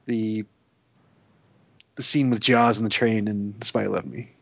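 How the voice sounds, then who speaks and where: A man's voice: on the low side, fairly even intonation, measured pace, gravelly, no room sound. A man co-hosting a casual podcast, describing movie scenes with a lot of fillers and laughter. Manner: chatty, hesitant with fillers, laughs easily. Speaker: podcast co-host. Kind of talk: casual chat. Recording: dry, dull lo-fi audio.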